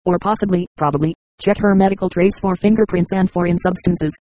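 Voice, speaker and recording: Brief: steady audiobook narrator, flat and dry. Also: mid-range voice, a little fast, dry recording, low-quality recording. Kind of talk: scripted narration.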